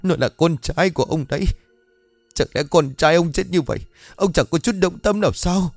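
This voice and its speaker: A man's voice: normal speed, faint music behind, close to an everyday voice. A man putting on a wailing grieving old mother. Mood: anguished anger. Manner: loud, high-pitched wailing lament.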